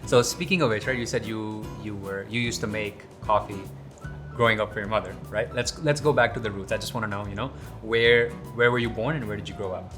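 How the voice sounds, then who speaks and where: A man's voice: lowish voice, fairly quick. A young man hosting a casual cafe interview, asking upbeat, friendly questions. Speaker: host. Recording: background guitar music.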